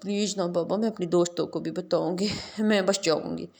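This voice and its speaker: A woman's voice: lowish voice, steady tone, fairly quick, gravelly, a little mellow. A woman voicing a stubborn little doll girl who pleads in a whiny manner. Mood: pleading.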